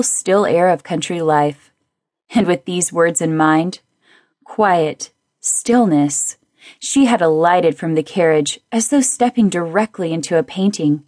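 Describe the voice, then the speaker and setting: A woman narrates a story for an audiobook, her voice sitting a little low. She tells it in a measured, expressive way. The studio sound is dry and close, with no room echo.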